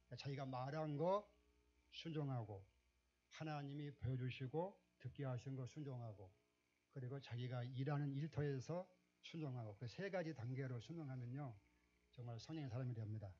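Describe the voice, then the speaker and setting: Pastor preaching with emphatic swells. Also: male voice, medium pitch, moderate pace, husky. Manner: storytelling, rising to loud emphatic exclamations. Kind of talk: sermon. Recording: dull, muffled recording.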